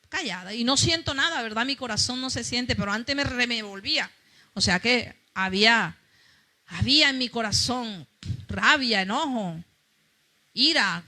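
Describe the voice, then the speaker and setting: A woman's voice: on the high side, pushed and bright. A woman pastor preaching a fervent sermon, calling out to her congregation.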